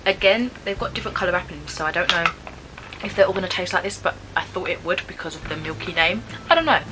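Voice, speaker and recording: A woman's voice: on the low side, quick pace, over music, poor audio. A British woman in her twenties giving casual, chatty taste-test commentary, thinking aloud with some hesitation. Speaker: vlogger reviewing snacks. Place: small bedroom, indoors.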